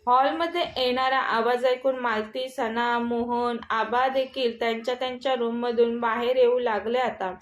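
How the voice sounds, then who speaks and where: A woman narrating a dramatic family story in a steady reading voice. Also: a little high, normal speed, hardly any pauses. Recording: echoey room.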